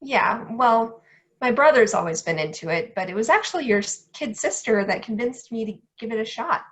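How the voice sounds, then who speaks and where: Friendly geeky schoolgirl played by a woman, higher pitch, casual and self-deprecating, table-read drama. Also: expressive, moderate pace, close to an everyday voice. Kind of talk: amateur play reading.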